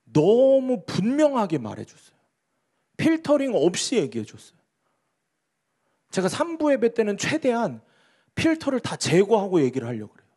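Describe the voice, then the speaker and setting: Male pastor, sermon, emphatic questioning delivery, bright voice with wide swings. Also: high-pitched, wildly swooping pitch, moderate pace, long pauses, breathy edge. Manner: emphatic, rhetorical questions, reads scripture dramatically. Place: church sanctuary.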